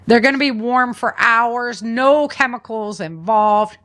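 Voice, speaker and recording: Her voice bright, forward and on the high side, this podcast co-host takes an unhurried approach. She explains practical tips casually, sounding like a friend chatting with friends.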